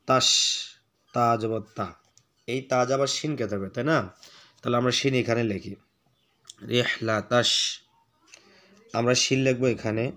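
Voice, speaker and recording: A man guides a handwriting lesson in an unhurried, measured way. His voice sits at a middle pitch. He names each letter and mark as he writes, then drags out the whole word syllable by syllable. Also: fairly bright tone. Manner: names letters while writing, slows to chant words. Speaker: Arabic handwriting teacher. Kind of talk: step-by-step writing lesson.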